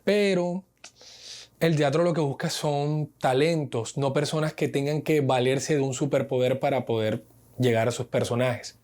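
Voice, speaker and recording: A man teaches acting in a video lesson. He talks straight to the viewer in a didactic, chatty way, slipping in casual asides. His voice sits a little high. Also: darkish tone.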